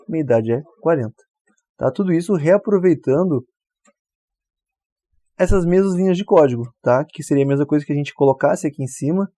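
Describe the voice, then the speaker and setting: In a screen-recorded coding tutorial, a programming tutor with a fairly high voice explains things step by step in a relaxed way. He checks in with the viewer often, frequently asking "tá?" The recording is dry.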